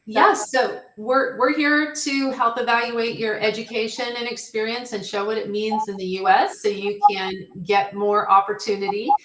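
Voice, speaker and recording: A woman's voice: on the high side, steady tone, moderate pace, hardly any pauses, a bit bright, a little hiss or hum. A woman who works as an accounts manager, speaking as a webinar guest over a video call in a friendly, reassuring way. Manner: friendly, reassuring sales talk. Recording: roomy echo.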